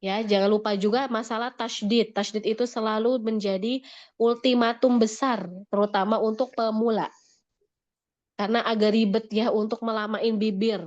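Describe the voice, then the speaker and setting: A woman's voice: on the high side, steady tone, moderate pace, darkish tone, highs cut off. A woman teaching Quran recitation in an online class, patiently modelling each sound and repeating corrections. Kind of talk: online tajwid lesson.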